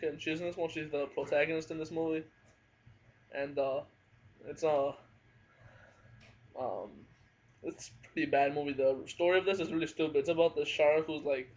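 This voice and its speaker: This dull lo-fi home recording captures a man reviewing a movie casually while his family is nearby. He hesitates, hedges and leans on fillers constantly, his voice on the high side with a darkish tone and a little background noise.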